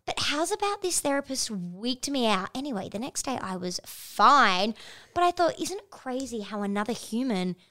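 A young Australian woman telling stories in a casual podcast chat; she is animated, laughs often and swears casually. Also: fairly high pitch, normal speed.

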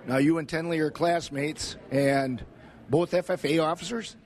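A man's voice: a little high, steady tone, normal speed, darkish tone. An American man working as a radio host, conducting an interview. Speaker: radio host and fair reporter.

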